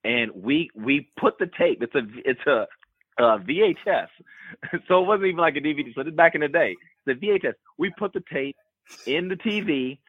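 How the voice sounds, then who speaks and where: A man, a former college basketball player and podcast guest, telling a personal story in an animated way and repeating words for emphasis. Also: on the high side, brisk, slightly rough, no echo. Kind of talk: candid storytelling in a podcast interview. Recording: tinny remote call line, dry.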